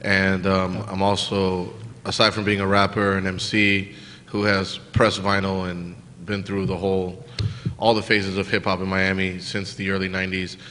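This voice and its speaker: A man's voice: low voice, little pitch movement, normal speed, bright, forceful tone. A man who is a rapper, introducing himself on a panel in a laid-back, plain-spoken way. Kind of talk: live panel talk. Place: museum event hall before an audience. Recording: live hall reverb.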